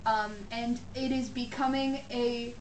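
A woman co-hosting a casual comedic chat, talking in an excitable, emphatic way with quick asides. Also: a little high. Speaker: podcast co-host. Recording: roomy, distant mic, faint noise.

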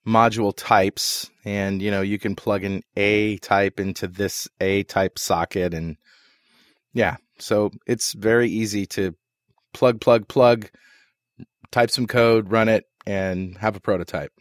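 In a dry studio recording, a tech podcast co-host talks slowly with a fairly low voice and a steady tone. His casual storytelling is jokey and loose, full of fillers and false starts.

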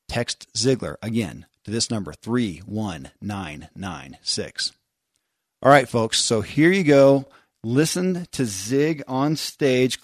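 A man's voice: mid-range voice, no echo. Earnest male podcast host, dry studio sound. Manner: earnest, emphatic address to listeners. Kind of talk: motivational show hosting with sponsor reads.

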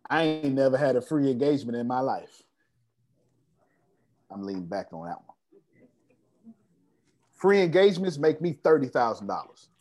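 A business coach hosts an online meeting, leading an animated motivational group call on video. His medium-pitched, darkish voice swings widely in pitch at normal speed, with frequent pauses. He comes across as boastful and preachy, calling on people by name.

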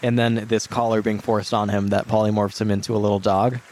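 A man's voice: on the low side, level tone, fairly quick, a little mellow. A man narrating a tabletop game as game master, in a casual, conversational way. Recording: clear background noise.

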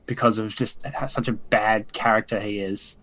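A man's voice: on the low side, fairly even intonation, normal speed, a bit bright. A young man co-hosting a podcast, speaking frankly in a rambling, casual way. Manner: rambling, frank, self-correcting. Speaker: podcast co-host. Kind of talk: casual chat.

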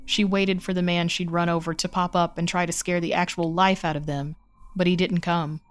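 A woman reading a horror short story aloud with measured, suspenseful narration. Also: lowish voice, flat delivery.

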